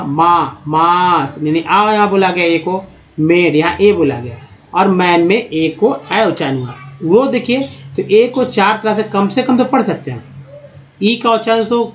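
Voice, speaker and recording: A man teaching pronunciation step by step, addressing viewers as friends. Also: sits high. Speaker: English teacher. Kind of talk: teaching lesson.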